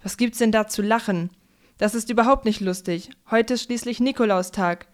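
An old, bearded Saint Nicholas who grumbles and mutters in a gruff way, as a woman puts him on. Her voice stays clear and smooth under the grumble, fitting a bedtime storybook. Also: on the high side, normal speed, lightly acted. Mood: grumbling.

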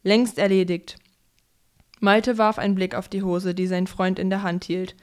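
Clear-voiced woman reading a story. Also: mid-range voice, little pitch movement, moderate pace.

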